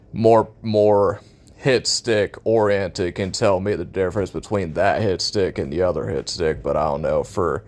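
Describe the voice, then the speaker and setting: A man's voice: deep voice, darkish tone. An American man in a casual, opinionated rant about a video game, blunt, cynical and sarcastic in his complaints.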